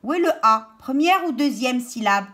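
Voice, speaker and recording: Woman, teacher, bright, slightly high, slow and deliberate. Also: animated. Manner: slow, deliberate, stresses and repeats words for children. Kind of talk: children's reading lesson.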